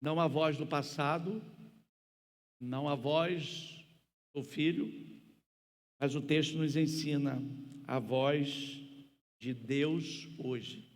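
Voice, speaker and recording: A man preaching a sermon as pastor, with slow, emphatic pauses that build to loud, ringing passages. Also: on the high side, steady tone. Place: church sanctuary. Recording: church hall reverb.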